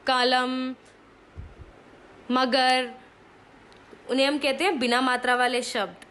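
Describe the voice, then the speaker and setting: Young woman, high voice, teacher, grammar lesson for children, asks and answers questions, draws out sounds, repeats phrases. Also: fairly bright tone. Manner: asks pupils questions and answers them herself.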